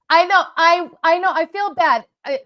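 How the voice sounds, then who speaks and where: A middle-aged woman with a Boston accent co-hosting a comedy podcast with her husband, talking in an animated, self-mocking way. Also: very high voice, measured pace. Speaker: podcast co-host. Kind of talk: comedic couple banter.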